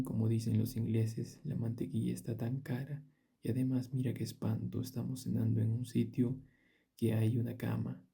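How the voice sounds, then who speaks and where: A man's voice: medium pitch, gravelly, warm tone, slightly rough. A man voicing a flighty, fickle young woman with a theatrical, wheedling way of complaining, in an audiobook. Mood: gloomy.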